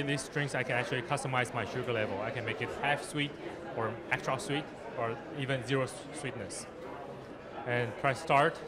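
Male founder, 30s, eager demo pitch, handheld mic, noisy conference floor. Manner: explanatory pitch, non-native grammar. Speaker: startup founder. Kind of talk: product demo interview. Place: busy conference hall, indoors. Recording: loud crowd chatter behind.

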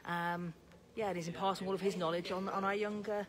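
A middle-aged woman hosting a tour and interviewing students, friendly and encouraging, backing them up with quick yeahs. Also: lowish voice, flat delivery, crowd noise. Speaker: college staff host and interviewer. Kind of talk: casual interview on a guided tour.

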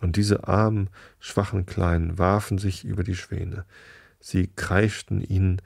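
A man hosting a podcast, reading a bedtime story aloud slowly and evenly, with small slips. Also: low voice, little pitch movement, gravelly, darkish tone, husky, no room sound, clean studio sound.

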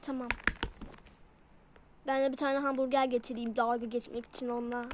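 A woman's voice: on the high side, level tone, brisk, background noise. A woman doing a toy role-play, voicing several pet characters and switching between playful character voices. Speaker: toy video creator.

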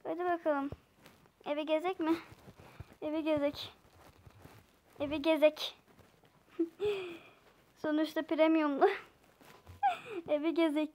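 Slow-talking high-voiced young woman gamer. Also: a little mellow. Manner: playful, giggly, chatty with viewers. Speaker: gaming channel host. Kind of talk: casual gameplay commentary.

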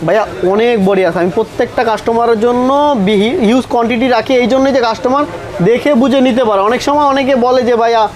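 A male shop seller with a Bangladeshi accent delivers a slick promotional pitch. His voice sits extremely high for a man and he talks quickly, pushing deals and repeating prices persistently. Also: darkish tone, rough recording.

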